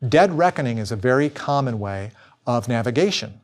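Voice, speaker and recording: A man lecturing in a recorded course, explaining clearly and now and then correcting himself mid-word. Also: mid-range voice, expressive, moderate pace. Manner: clear explanatory delivery with small self-corrections.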